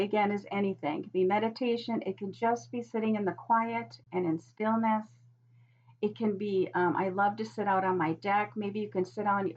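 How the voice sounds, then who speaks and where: Woman oracle card reader, dull lo-fi audio. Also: mid-range voice. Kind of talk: casual spoken oracle card reading.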